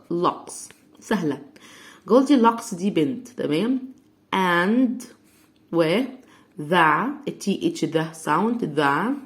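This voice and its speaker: A young woman with an Egyptian Arabic accent teaching a children's English lesson, sounding out words slowly syllable by syllable. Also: lowish voice.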